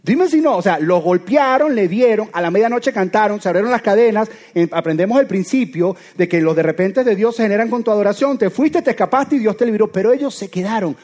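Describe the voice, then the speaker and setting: A man preaching a sermon in a lively, conversational way, often asking his listeners rhetorical questions. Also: sits high, quick pace, hardly any pauses.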